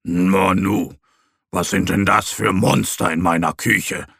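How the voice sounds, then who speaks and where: A man voicing an amused, gentle bear father in a children's story. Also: low-pitched, drawn-out words, vocal fry, husky, no room sound, studio quality, full character voice.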